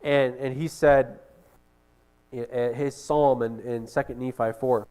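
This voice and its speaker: A middle-aged man preaching a sermon in an earnest, halting way, with restarts and fillers, dropping soft when quoting prayers. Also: mid-range voice, steady tone, clear, resonant tone.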